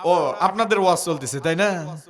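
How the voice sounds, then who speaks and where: Fiery high-voiced male preacher, Bogura accent. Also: normal speed. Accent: Bogura Bengali. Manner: fiery, rhetorical questions, calls crowd to answer louder. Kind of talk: Bengali waz sermon.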